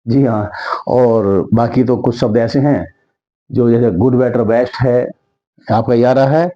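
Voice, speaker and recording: A man's voice: mid-range voice, fairly even intonation, measured pace, dull audio. A male teacher giving a grammar lesson, drawing words out and repeating examples to drill them. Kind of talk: Hindi-language grammar lesson.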